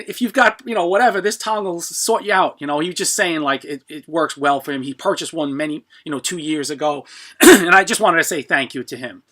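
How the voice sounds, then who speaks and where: A middle-aged man hosting a live stream, chatting casually and haltingly to viewers, often clearing his throat. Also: fairly high pitch, sharp tone. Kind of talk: casual rambling chat to viewers.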